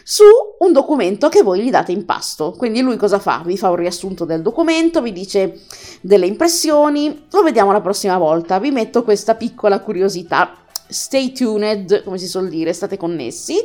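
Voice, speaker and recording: A woman's voice: medium pitch, a little mellow. A woman hosting a casual tutorial, chatty and enthusiastic, explaining each step to her listeners. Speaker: podcast host teaching an app.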